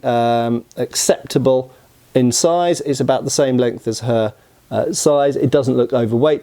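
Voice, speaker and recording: A man talks through weapon designs with real enthusiasm, piling up comparisons as he goes. His voice has a mellow, warm darkness to it, sitting at an ordinary pitch for a man. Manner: enthusiastic, discursive explainer. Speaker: host, weapons commentator. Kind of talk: explanatory commentary on game art.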